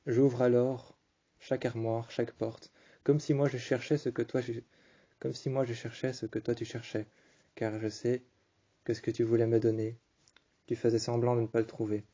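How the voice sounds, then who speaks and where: Flat, mellow-voiced male storyteller. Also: medium pitch, normal speed, muffled recording. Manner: calm, hesitant, repeats and restarts phrases. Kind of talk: improvised second-person romantic storytelling.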